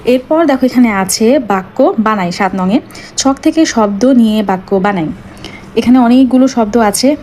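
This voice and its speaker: A woman's voice: on the high side, warm tone, a little hiss or hum. Patient Bengali woman teaching children. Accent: Bangladeshi Bengali. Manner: patient, explaining step by step, slows to spell out words. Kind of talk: primary school lesson walkthrough.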